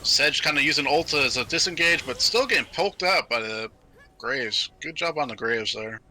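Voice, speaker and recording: A man casting a video game match, talking through the action in brisk, analytical play-by-play with frequent fillers. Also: mid-range voice, pushed and bright. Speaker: esports caster. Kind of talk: play-by-play commentary.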